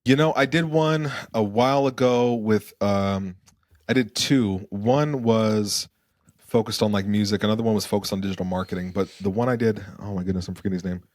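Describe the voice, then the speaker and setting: A young man with a lowish voice talks as a podcast guest, relaxed and reflective, often restarting his sentences. He was raised between Germany and Arizona. The sound is dry and close, with no room around it. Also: a little fast, dry recording. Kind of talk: casual interview conversation.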